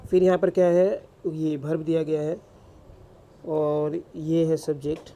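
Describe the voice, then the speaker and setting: A man's voice: on the high side, level tone, unhurried, mellow, a little hiss or hum. A man teaching English grammar in a classroom-style lecture, asking rhetorical questions and answering them himself.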